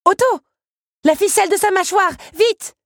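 A woman's voice: very high-pitched, normal speed, dry recording, studio quality, pitched above the performer's own voice. A woman voicing a brave young heroine who gives urgent, commanding cries.

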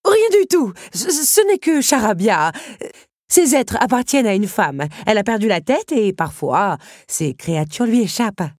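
A woman playing a shrill, grandiose countess. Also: very animated, normal speed, a little mellow, no echo, clean studio sound. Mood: effusive. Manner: theatrical, gushing, turns shrill and commanding. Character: grand, excitable, imperious countess hostess.

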